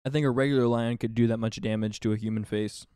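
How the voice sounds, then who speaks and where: A man co-hosting a casual movie commentary, animated and quick to laugh. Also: mid-range voice, smooth, dry recording, clean studio sound.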